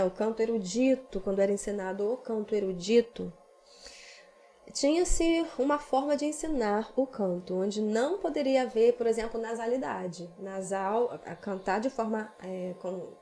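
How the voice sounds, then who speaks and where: A woman's voice: mid-range voice, normal speed, warm tone. A woman singing teacher with a Brazilian accent, patiently explaining vocal technique in a casual podcast chat. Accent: Brazilian Portuguese.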